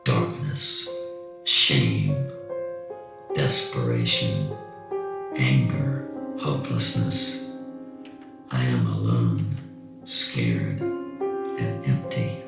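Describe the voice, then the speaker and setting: An anonymous guest speaking through an electronic filter that makes the voice very deep, telling a personal story slowly and gravely. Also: steady tone. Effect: voice electronically altered to sound very deep. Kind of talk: slow, solemn personal testimony. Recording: heavy echo, distant, music behind.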